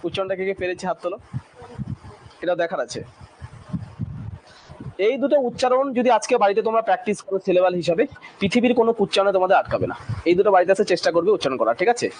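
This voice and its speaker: A high-voiced man runs a classroom English lesson. He breaks long words into slow syllables, keeps checking in with the class, and a faint hiss of noise sits under his voice. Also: lively intonation, darkish tone. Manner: drills pronunciation slowly syllable by syllable, often asks "ঠিক আছে?". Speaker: English teacher.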